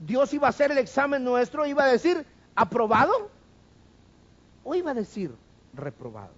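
A man's voice: extremely high pitch, fast talker, dull audio. A man preaching a sermon, firing rhetorical questions at the congregation and having them repeat after him.

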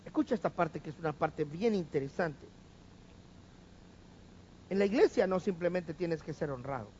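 A man's voice: on the high side, lively intonation, normal speed, darkish tone, highs cut off, a little hiss or hum. A man preaching a sermon, firing rhetorical questions at the congregation and having them repeat after him.

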